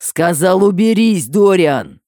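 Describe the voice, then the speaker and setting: A haughty ancient male dragon, as a woman reader puts him on, who murmurs low and seductive and flares into angry shouts. The sound is dry and close in this audiobook reading. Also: big pitch swings, normal speed, dry recording. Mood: angry shouting. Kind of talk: audiobook character voice.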